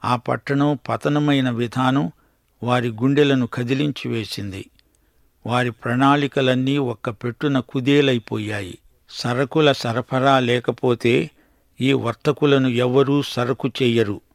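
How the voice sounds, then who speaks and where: A man preaching a scripted sermon on scripture, with a slow, dramatic storytelling delivery. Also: medium pitch, fairly even intonation, gravelly, no room sound, studio quality.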